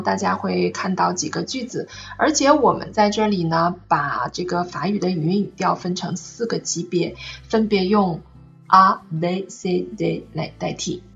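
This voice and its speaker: A woman's voice: medium pitch, gravelly, fairly bright tone, highs cut off. A woman teacher explaining French pronunciation and intonation in a patient, explanatory way, often asking "right?" to check in. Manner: patient, checks in with rhetorical questions. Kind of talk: online lesson on French intonation.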